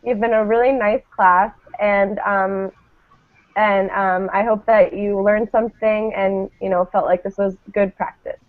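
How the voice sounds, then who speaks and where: Steady in tone and unhurried, a woman with a medium-pitched voice teaches English pronunciation in a live online lesson. She drills word pairs, encourages her student and carefully enunciates model words, with phone-quality sound over thin call audio.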